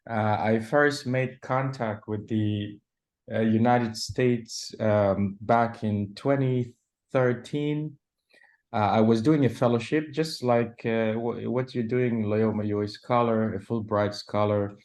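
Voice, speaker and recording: A man from Sudan, a journalist answering interview questions in a measured way, often pausing and restarting. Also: fairly low pitch, steady tone, darkish tone. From South Sudan / Sudan. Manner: measured, with frequent hesitations and restarts. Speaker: journalist guest.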